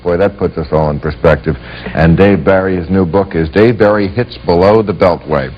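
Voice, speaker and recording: A man hosting a comic talk show, making wry jokes and quick asides to his panel. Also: deep voice. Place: TV studio with live audience. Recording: dull lo-fi broadcast with faint audience and hiss.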